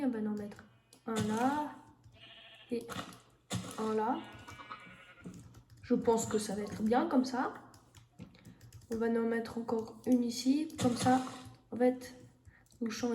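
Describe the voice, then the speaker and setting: Casual gamer woman, high mellow voice, thinks aloud, echoey room. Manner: thinking aloud, many fillers, talks to the viewers. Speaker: gamer streamer. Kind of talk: casual gameplay commentary. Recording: echoey room with faint noise.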